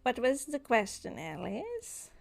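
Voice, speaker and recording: A sly creature that hides beneath beds speaks in a slow, creaky drawl, played by a woman, lingering over every word and circling back to the same answer. It sounds calm and patient. Its delivery never hurries. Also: fairly high pitch, voice pushed up, exaggerated voice. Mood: solemn. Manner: slow, drawn-out, keeps repeating "yes".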